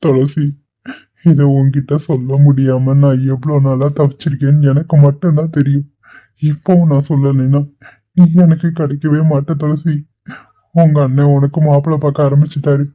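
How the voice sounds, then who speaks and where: A man's voice: fairly high pitch, little pitch movement, normal speed, natural voice. A man voicing a desperate, lovesick young man in a dubbed cartoon, who pleads insistently. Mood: pleading. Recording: tinny phone-like recording.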